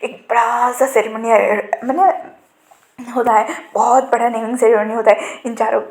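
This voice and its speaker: A woman's voice: fairly high pitch, little pitch movement, moderate pace, darkish tone. A woman casually retelling a fan-fiction story in a chatty way, with small asides of her own. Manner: chatty, many fillers and restarts, laughs along.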